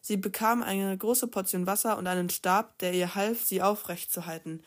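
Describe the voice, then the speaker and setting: Woman, casual read-aloud, stumbles and self-corrects, even voice. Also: medium pitch, moderate pace. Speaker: reader. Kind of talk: reading a novel aloud.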